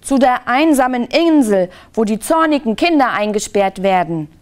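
A woman voicing a bossy but soft-hearted bearded vulture in a children's story reading, with gruff commands that give way. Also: fairly high pitch, animated, normal speed, natural voice.

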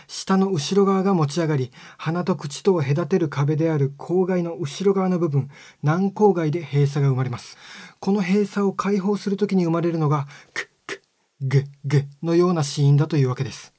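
A man narrating a lesson in a calm, polite, step-by-step manner. His voice sits a little high for a man. It is recorded close and dry, with no room sound. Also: fairly quick, dry recording. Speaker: phonetics teacher. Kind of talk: scripted explanatory narration.

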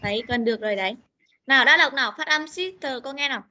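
Bright-voiced woman teacher. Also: high-pitched, muffled recording. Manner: corrective, repeats words slowly and patiently. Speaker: English teacher. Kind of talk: online pronunciation drill. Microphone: video call.

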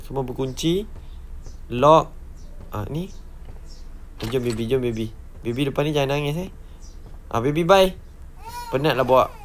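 A young man, commentating a horror game and often bursting into shouted exclamations. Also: mid-range voice, measured pace, long pauses, a little hiss or hum. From Malaysia. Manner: excitable, frequent shouted exclamations. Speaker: gaming YouTuber.

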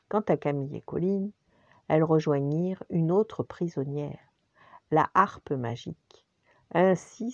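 An older woman, a grandmother, telling a bedtime story gently and expressively, sometimes dropping to a whisper. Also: low-pitched, no room sound, dull audio.

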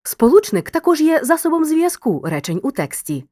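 A woman narrating a grammar lesson in a clear, scripted, teacherly way, speaking directly to the listener. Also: high-pitched, sing-song, moderate pace, a little mellow, no echo, studio quality.

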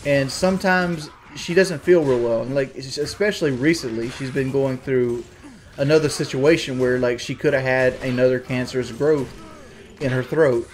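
A man's voice: mid-range voice, moderate pace, slight background noise. A man with a Southern US accent chatting on a stream in a rambling, crude, defensive way. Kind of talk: casual stream chat.

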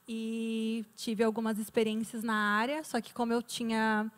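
A woman's voice: on the high side, level tone, a little slow. A woman on a studio panel, talking about her studies and work search in an upbeat, friendly way. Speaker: guest student. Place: TV studio set. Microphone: handheld mic.

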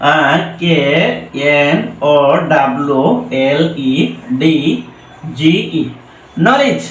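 A man teaching a pronunciation lesson, often asking a question and then answering it himself, with English phrases mixed into his explanation. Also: high voice. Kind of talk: classroom-style pronunciation lesson. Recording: roomy echo, voice from a distance.

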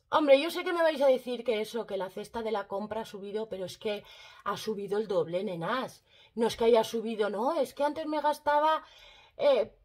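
Brief: bright-voiced woman vlogger, chatty makeup demo addressed to viewers. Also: fairly high pitch. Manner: chatty, addresses viewers directly, fond of diminutives. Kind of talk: casual makeup tutorial chat.

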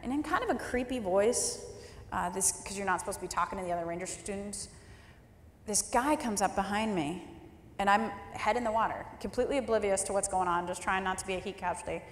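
A woman in her thirties delivers a keynote, telling a personal story in a candid, wry and emphatic way. Her voice sits at an ordinary pitch. It carries through a large hall with a long, roomy reverb. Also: fairly quick, a little hiss or hum. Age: 30s. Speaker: keynote speaker. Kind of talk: storytelling speech. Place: large hall at a leadership forum.

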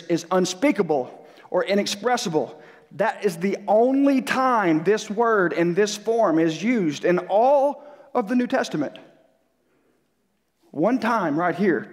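A male pastor preaching a sermon in a church, talking conversationally with frequent restarts and building in intensity, a little stuffy from a cold. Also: on the high side. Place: church sanctuary. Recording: long reverb of a church hall.

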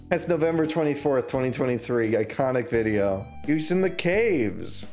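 Young guy reacting to clips, swoopy voice, laughs a lot, loud music behind him. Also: mid-range voice, a little slow. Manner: animated, laughs often, exclaims at clips. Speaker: streamer reacting to videos. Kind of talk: reaction commentary. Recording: music playing loudly behind the voice. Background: clip audio and music playing.

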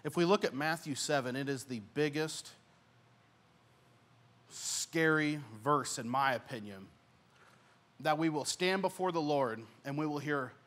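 Speaking a little slowly and pausing often, with a fairly high pitch, a young pastor preaches earnestly from a church stage into a handheld mic. Important points swell in volume, and his phrases trail off softly.

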